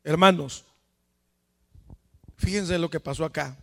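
A man preaching a fervent sermon, swinging from hushed asides to shouts and firing questions at the congregation. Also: on the high side, slow pace, creaky.

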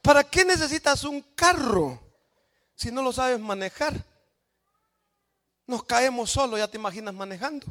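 A man from El Salvador with a Salvadoran Spanish accent, preaching a sermon in a church with shouted, emphatic praise cries. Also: extremely high pitch, lively intonation, moderate pace, pauses often.

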